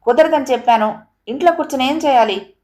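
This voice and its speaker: A woman's voice: mid-range voice, normal speed, lightly acted. A woman voicing a proud, defiant young wife who answers back sharply. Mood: dismissive. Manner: sharp, scornful retorts.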